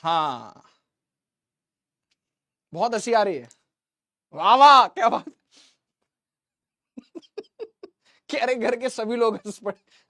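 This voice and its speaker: A man's voice: very high voice, big pitch swings, very slow, long pauses, bright, forceful tone, dry recording, clean studio sound. A man teaching physics in a live online class, joking with viewers' comments and drilling terms by asking them back. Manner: drills terms by call and response. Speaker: physics teacher for exam students.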